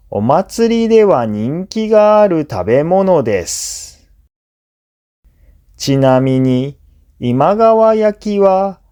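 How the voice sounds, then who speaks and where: Scripted educational narration from a male language teacher whose first language is Japanese, read as listening practice. The voice is a little high, slow and mellow, and his explanations come out measured and clearly phrased.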